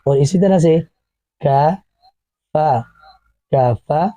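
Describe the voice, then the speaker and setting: Patient man drilling syllables slowly. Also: on the high side, dark tone, dry recording, dull audio. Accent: Pakistani Urdu. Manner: patient, drills each sound slowly, repeating it. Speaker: Quran recitation teacher. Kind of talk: online class, slow syllable drilling.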